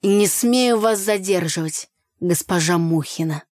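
A woman's voice: medium pitch, lively intonation, moderate pace, no room sound, clean studio sound, lightly acted. A woman reading an audiobook, voicing a teasing teenage neighbor boy with a mocking tone.

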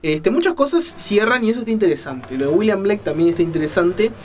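A radio host with a high-pitched voice talks fast, with big swings in pitch, as he gives conversational, explanatory commentary on books and films. He often checks in with little question tags. Slight background noise is audible.

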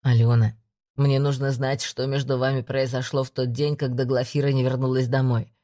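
A woman voicing a calm male police investigator who talks low, steady and coaxing in an audiobook. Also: moderate pace. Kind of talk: audiobook reading.

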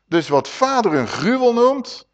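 A middle-aged man preaching a lively Bible teaching, asking the congregation questions and acting out voices. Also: very high-pitched, measured pace. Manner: animated, rhetorical questions to the congregation, acts out voices. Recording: dull lo-fi sermon recording.

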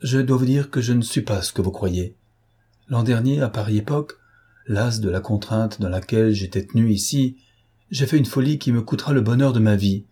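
A man's voice: medium pitch, fairly quick, warm tone, breathy edge, natural voice. A man reading an audiobook and voicing a young, impulsive woman who speaks earnestly and shyly. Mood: remorseful. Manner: confessing earnestly, then shy and tender. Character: impulsive young woman, tearful then happy.

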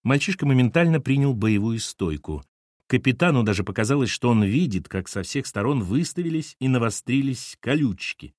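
A man narrates an audiobook, telling the story expressively. His voice is mid-range and his pace moderate, and the studio recording is clean with no room sound.

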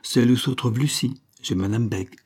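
A man voicing a brisk, motherly middle-aged woman who answers sharply. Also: mid-range voice, a little mellow, husky. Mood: matter-of-fact. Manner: brisk, retorting.

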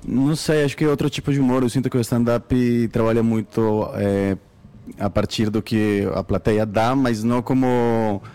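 A man's voice: medium pitch, steady tone, moderate pace, mellow, smooth. A Colombian man with a Colombian accent, a guest improv comedian chatting in a reflective, easygoing way. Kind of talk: casual chat.

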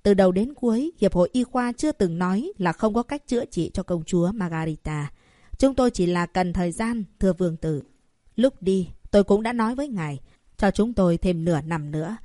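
A woman's voice: mid-range voice, expressive, a little fast, dark tone, dry recording, clean studio sound, natural voice. A woman voicing a scheming, condescending male chairman of a medical association. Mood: persuasive.

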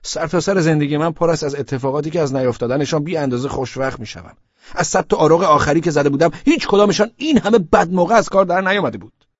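A man's voice: fairly high pitch, no room sound, lo-fi sound. A man narrating a first-person audiobook in a wry, colloquial storytelling manner.

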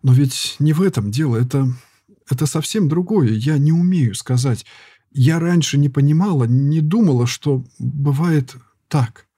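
A lovesick young girl who pleads with trembling urgency, as a male audiobook reader puts her on. The voice is lifted higher but stays dark and breathy underneath. It is recorded close and dry, with no room sound. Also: lively intonation, measured pace, no echo. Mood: pleading. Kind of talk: audiobook character reading.

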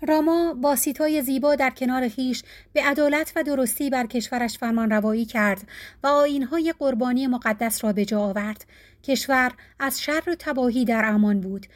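A woman narrates an audiobook of old legends in a measured, formal reading voice. Her pitch sits high, and she reads at an even storybook pace.

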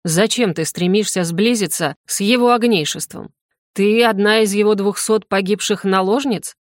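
A woman's voice: mid-range voice, normal speed, no echo, studio quality, lightly acted. A woman voicing a cold, sarcastic male general who speaks in short, clipped lines in an audiobook. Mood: cold, mocking.

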